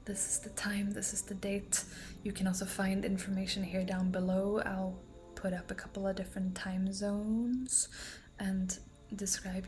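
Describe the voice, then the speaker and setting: A woman talking casually in a promotional vlog as a breathwork guide, unhurried and meandering with thoughtful pauses, her voice turning breathy at phrase ends. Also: mid-range voice, a little mellow.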